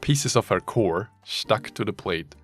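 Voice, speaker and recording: Reading a fanfiction story aloud, a man narrates dramatically in a fairly low, slightly bright, expressive voice, unhurried, with faint music behind him. He's mock-serious and often amused, tossing in joking asides.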